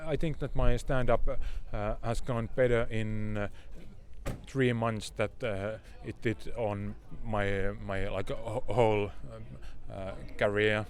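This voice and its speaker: A man in his thirties with a Finnish accent, a fighter giving a casual post-fight interview and haltingly searching for his English words. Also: on the low side, steady tone, a little hiss or hum. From Finland. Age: 30s. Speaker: MMA fighter being interviewed.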